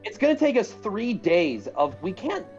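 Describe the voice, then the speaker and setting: A man playing in a tabletop game, excitable, stammering and swearing. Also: sits high, normal speed, lo-fi sound, over music. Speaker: player.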